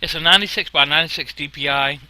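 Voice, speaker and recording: A man narrates an informal screen tutorial in a very bright, sharp voice pitched a little high. His s sounds whistle, and he explains things in a casual, folksy way. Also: racing. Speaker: software tutorial instructor.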